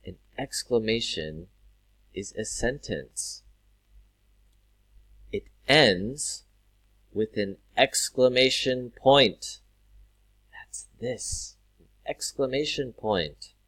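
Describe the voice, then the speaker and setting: A man teaching English to learners, drawing out words carefully and breaking into loud acted exclamations. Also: mid-range voice, lively intonation, dry recording. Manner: drawn-out, overly careful pronunciation with sudden loud acted exclamations. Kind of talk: slow, clear teaching for learners.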